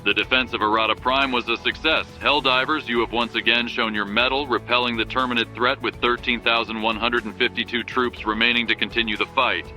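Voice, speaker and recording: A man's voice: mid-range voice, steady tone, brisk, few pauses, pushed and bright, rough recording. A man playing a grave, urgent wartime radio news anchor, reading a scripted bulletin in a rousing manner. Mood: proud, rousing. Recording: music behind the voice. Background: music.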